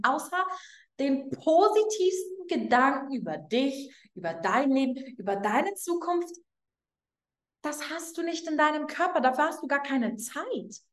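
A woman hosting a mindset podcast, guiding the listener through slow, emphatic affirmations and speaking to them directly. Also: high-pitched, roomy sound. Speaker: podcast host, mindset coach. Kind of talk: guided affirmation coaching.

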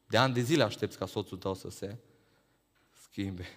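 A man preaching a sermon, firing rhetorical questions that climb to emphatic peaks and then drop low. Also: long reverb tail.

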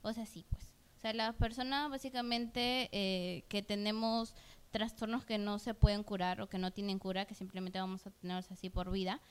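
A woman's voice: medium pitch, little pitch movement, moderate pace, clear, resonant tone. A woman co-hosting a podcast, speaking in earnest, open and personal long turns in casual conversation. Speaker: podcast co-host.

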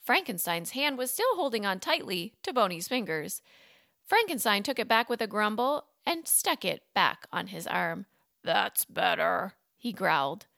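Expressive woman reading a storybook. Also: mid-range voice, moderate pace, no echo. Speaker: narrator. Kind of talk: storybook narration.

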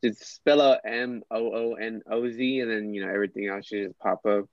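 A man of middle pitch, a guest on a casual podcast, talks haltingly and fills his pauses with ums and uhs. His voice comes through a dull, muffled line and sounds dry, with no room echo. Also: steady tone. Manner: hesitant, full of ums and uhs. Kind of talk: casual chat.

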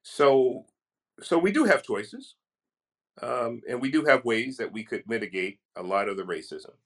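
A man's voice: mid-range voice, animated, unhurried, fairly bright tone. A man speaking as an author on a discussion panel, emphatic and persuasive, posing rhetorical questions. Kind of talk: discussion, argument.

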